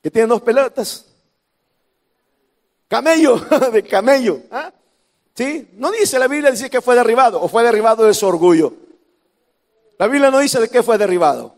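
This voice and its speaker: A male pastor with a Salvadoran Spanish accent preaching a sermon, jumping from shouts to hushed lines and tossing in humorous asides to the congregation. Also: very high voice, animated, moderate pace, long pauses, long reverb tail. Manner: preaching with sudden shouts and drops to near whispers.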